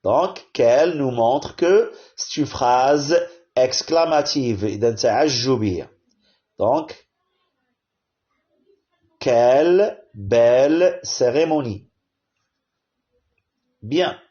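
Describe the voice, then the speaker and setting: A man teaches a classroom-style grammar lesson to primary pupils, explaining slowly and patiently, switching between French and Arabic and often saying "hein?" and "bien". His mid-range voice is expressive and darkish, captured in dull lo-fi audio.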